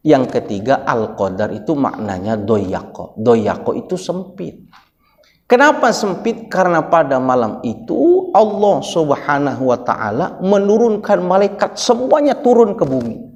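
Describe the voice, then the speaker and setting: A man's voice: a little high, measured pace, lo-fi sound. Joking male preacher in echoing mosque. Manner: lively, joking, acts out stories. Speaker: Islamic preacher. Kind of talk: mosque study sermon. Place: mosque hall. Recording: long hall reverb.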